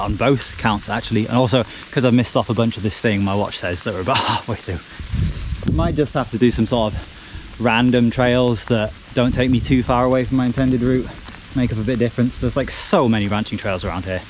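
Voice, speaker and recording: A man's voice: medium pitch, brisk. A man vlogging casually as he runs outdoors, chatting to the camera while on the move. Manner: talking while running outdoors. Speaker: running vlogger. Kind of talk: casual vlog chat to camera. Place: outdoors on rainy hill trails. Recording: noisy outdoor ambience, wind and rain.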